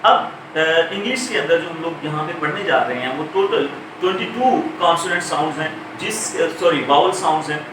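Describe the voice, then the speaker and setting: A man teaching English vowel sounds in a recorded lecture, explaining slowly with many fillers and self-corrections. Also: a little high, animated. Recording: far from mic, very echoey room, clear noise.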